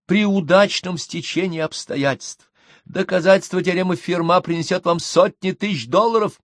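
A man's voice: high-pitched, moderate pace, no echo, clean studio sound, pitched above the performer's own voice, natural voice. Earnest professor, indignant and eager, raised emphatic delivery, voiced by a male reader.

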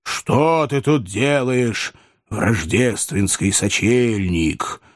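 Stern goblin spirit from a storybook voiced by a man, slow, low, dry close sound. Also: expressive, dry recording. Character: stern old male goblin of the churchyard. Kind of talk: audiobook reading.

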